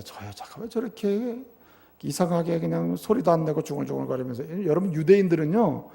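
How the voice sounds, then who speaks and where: A male pastor preaching a sermon in a church, emphatic and animated, often turning to the congregation with quick rhetorical asides. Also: fairly high pitch, creaky, in a large hall. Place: church sanctuary.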